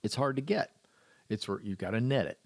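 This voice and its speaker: A man's voice: medium pitch, fairly quick, a little mellow, dry recording. A man hosting a fishing podcast, giving practical tips in a folksy, wry manner with dry self-deprecating humor. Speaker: fishing podcast host and charter captain. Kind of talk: solo podcast tips talk.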